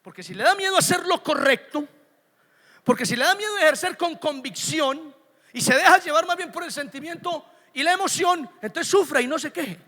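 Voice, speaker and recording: A pastor preaches in an emphatic sermon style, swinging between quiet stresses and loud bursts. His voice sits very high for a man and rings bright and sharp. A long church reverb trails behind every phrase. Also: animated, normal speed. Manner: emphatic, swings from soft to shouting.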